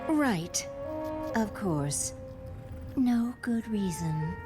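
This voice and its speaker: Sultry, slow-talking bat thief. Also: female voice, medium pitch, animated. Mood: sardonic, exasperated. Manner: flirtatious, sardonic, unhurried. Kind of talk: audio drama acting. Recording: music bed under the voice.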